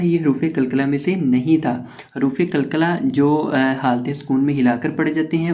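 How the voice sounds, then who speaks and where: A man with a fairly high but mellow, warm voice gives a step-by-step recitation lesson. He explains each pronunciation rule patiently and then draws out the syllables slowly. The recording sounds slightly muffled and lo-fi. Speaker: Quran reading teacher.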